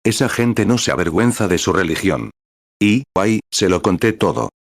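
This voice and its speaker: A man with a very low voice reads a translated sermon as a personal life story. He keeps a plain storytelling manner and calls out each paragraph number as he goes. The sound is dry and close, with no room echo. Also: expressive, normal speed. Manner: reads paragraph numbers aloud between passages. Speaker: sermon reader.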